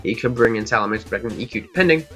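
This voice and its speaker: Racing along in a mid-range, slightly bright voice over soft background music, a young man talks casually about his team plans for a league battle. He rambles, teases himself, and laughs at himself, recorded as gaming commentary on a slightly dull lo-fi mic.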